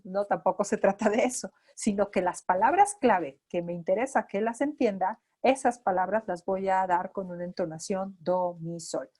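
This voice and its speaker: Una mujer con acento mexicano, terapeuta auditivo-verbal, da una clase a residentes y explica con ejemplos prácticos. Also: female voice, mid-range voice, normal speed, hardly any pauses, a little mellow. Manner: explanatory, acts out examples of talking to children. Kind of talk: lecture.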